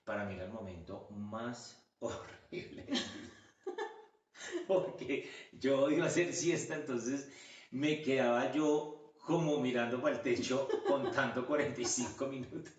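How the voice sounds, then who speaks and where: A man's voice: mid-range voice, measured pace, distant mic, slight background noise. A man from Colombia with a Colombian accent, chatting as a podcast guest, full of fillers and restarts. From Colombia, Quindío region. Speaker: guest, orthodontist. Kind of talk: casual interview chat. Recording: echoey room, voice a bit off-mic.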